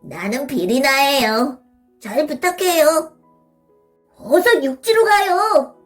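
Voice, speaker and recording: Figure: talking hen, female, friendly. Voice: very high and chirpy. Style: storybook telling, put on by a woman. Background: faint music. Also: expressive, takes it slowly. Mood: eager.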